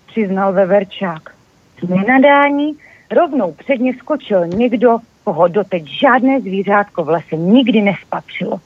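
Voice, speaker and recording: A guest author in a lively, animated reading of a children's story over a phone line. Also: mid-range voice, slightly rough, dry recording.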